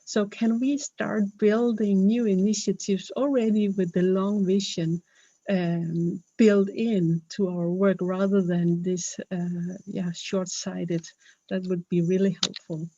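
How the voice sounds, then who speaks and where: A health professional from Denmark presents a webinar in English, her second language, speaking slowly with a steady, warm, medium-pitched voice and a Danish accent. The audio has its highs cut off, and she comes across as earnest and hesitant, with many fillers and restarts.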